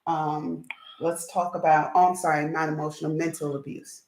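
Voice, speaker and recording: A woman hosting an interview, calmly guiding the conversation from topic to topic. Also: deep voice, moderate pace. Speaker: host. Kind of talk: interview questions. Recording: echoey room.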